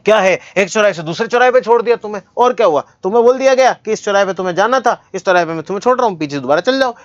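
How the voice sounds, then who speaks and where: A man talks through maths problems on a dull, dry recording, his voice sitting a little high. He is relaxed and encouraging, often asks a question and answers it himself, and he slows down to read formulas word by word. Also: dry recording. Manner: reads formulas and English sums slowly, word by word. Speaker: maths teacher. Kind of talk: solving textbook problems step by step.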